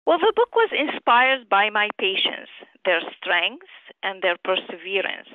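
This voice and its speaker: A middle-aged woman from Syria speaks in a measured, earnest tone as an interview guest. Her voice comes through a tinny, narrow phone line. The sound is dry and close, with no room around it. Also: mid-range voice, big pitch swings, dry recording. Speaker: author and physician guest. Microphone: telephone.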